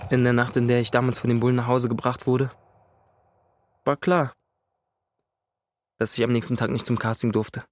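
A man looks back on his youth in subdued first-person narration. The sound is dry and close, with no room around it. His voice sits in a middle pitch. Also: little pitch movement, moderate pace, long pauses, dry recording.

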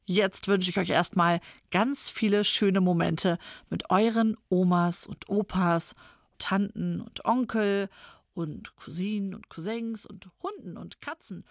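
A woman hosting a children's podcast, chatty and lively, speaking directly to the young listeners. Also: mid-range voice, slow, no echo, clean studio sound. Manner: bright, chatty, addresses kids. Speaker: podcast host.

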